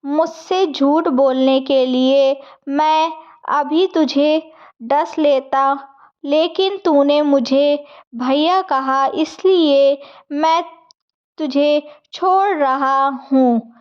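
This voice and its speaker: A woman's voice: high-pitched, extremely slow, highs cut off. A woman voicing a stern but forgiving male serpent in a devotional storybook tale, in a solemn, commanding tone.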